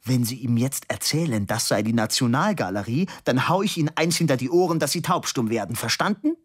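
A man voicing a furious bus passenger who shouts threats fast. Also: medium pitch, expressive, pitched above the performer's own voice, lightly acted.

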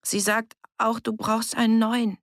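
A woman's voice: on the high side, little pitch movement, measured pace, no room sound, studio quality, pitched above the performer's own voice, natural voice. A woman reading an audiobook, voicing a frightened young girl who stammers and pleads. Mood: pleading.

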